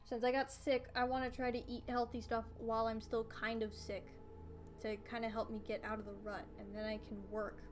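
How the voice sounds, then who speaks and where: A woman's voice: a little high, flat delivery, a little fast. A teenage girl chatting casually on a livestream from her bedroom, rambling with lots of fillers and giggles. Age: teens. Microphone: streaming desk mic. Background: game soundtrack music playing faintly.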